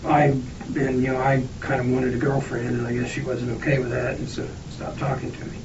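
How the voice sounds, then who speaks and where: A man's voice: medium pitch, level tone, moderate pace. A man being questioned as a suspect, answering in a jittery, hesitant way with many false starts, on a muffled, noisy interview recording. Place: echoey interview room, far mic. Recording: muffled, noisy, echoey police room recording, distant mic.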